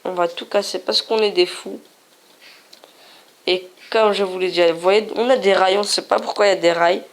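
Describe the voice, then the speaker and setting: A woman's voice: mid-range voice, steady tone, moderate pace. A woman hosting a casual game video, chatty and playful, often repeating herself as she shows things on screen. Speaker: gaming video host.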